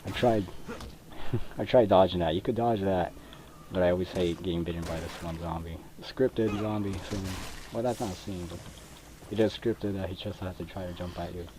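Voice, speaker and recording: Over a noisy background with controller clicks, a young gaming video creator from Mexico rambles casually and hesitantly about his gameplay, using lots of fillers. He speaks at normal speed in a low voice with fairly even intonation, through a cheap computer microphone.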